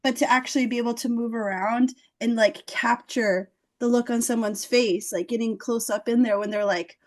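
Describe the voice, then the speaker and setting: A woman's voice: fairly high pitch, moderate pace. A woman hosting a casual chat, talking enthusiastically and acting out little quotes as she gives advice. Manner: animated, enthusiastic, acts out quotes. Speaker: host.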